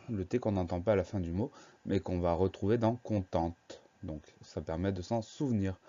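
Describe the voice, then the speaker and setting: A low-voiced male teacher with a mellow tone walks through a spelling lesson, spelling each word letter by letter. He speaks slowly and patiently. The recording is a bit dull and lo-fi.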